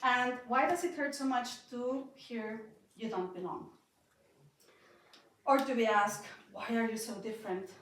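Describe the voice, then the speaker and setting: A young woman, native in Spanish and from Mexico and Austria, reads a personal talk to an audience at a building inauguration, sounding nervous and shaky with small bursts of laughter. Her voice is a little high, unhurried and fairly bright. The event hall echoes, and she's far from the microphone.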